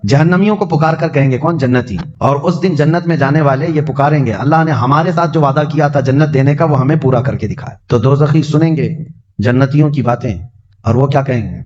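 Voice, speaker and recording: Male preacher, mid-pitched, storytelling sermon, slow chanted verses, muffled recording. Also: darkish tone. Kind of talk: Ramadan sermon.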